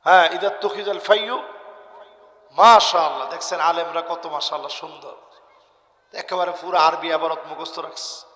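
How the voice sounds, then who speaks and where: A male preacher giving an impassioned sermon, shouting some lines and chanting others, and quizzing his listeners. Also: a little high, fairly even intonation, normal speed, long pauses, reverberant, in a large hall. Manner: impassioned, swings between shouts and sung lines, quizzes the crowd. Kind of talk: Bengali waz sermon.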